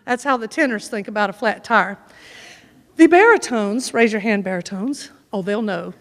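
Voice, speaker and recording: A woman who sings in a chorus tells a folksy, funny story to a church audience in the sanctuary, with animated joke-telling. Her mid-range voice moves at a moderate pace, and the hall is echoey.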